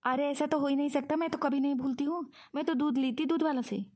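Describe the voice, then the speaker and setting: A woman's voice: high-pitched, steady tone, quick pace, a little mellow, close to an everyday voice. A woman voicing a complaining aging woman who pretends to be forgetful in a cartoon. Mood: indignant. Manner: complaining, whiny. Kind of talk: cartoon voice acting.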